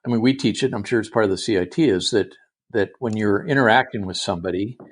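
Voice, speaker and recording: Lower-pitched man hosting a podcast. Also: quick pace, breathy edge. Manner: animated, restarts often, affirms with "yep" and "right". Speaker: podcast host, interviewer. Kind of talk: casual podcast interview.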